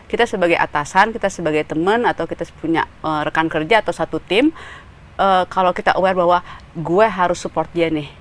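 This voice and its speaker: A woman hypnotherapist answering interview questions thoughtfully, pausing often and mixing in English phrases. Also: on the low side.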